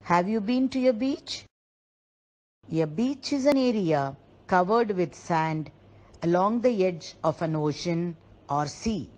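Female narrator for a kindergarten lesson, low-ish voice, slow and deliberate, asks the kids simple questions. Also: lively intonation, mellow, poor audio. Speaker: kindergarten teacher. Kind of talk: scripted lesson narration for young children.

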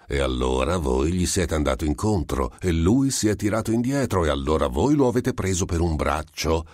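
A man reading the part of a sly, composed gentleman who probes with smooth, falsely apologetic questions. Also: extremely low pitch, expressive, normal speed, no echo, studio quality.

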